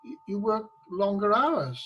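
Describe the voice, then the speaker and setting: A man's voice: high voice, very animated, a little slow, lo-fi sound, a little hiss or hum. A man interviewing a business owner, stammering and repeating words as he works out his questions.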